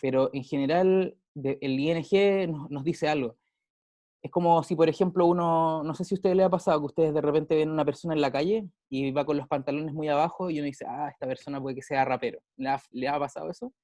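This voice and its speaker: A man's voice: fairly high pitch, fairly even intonation, brisk, mellow, dry recording. A male teacher with a Chilean accent, explaining grammar in a casual way with everyday examples and frequent check-ins with his pupils. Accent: Chilean Spanish. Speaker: English teacher.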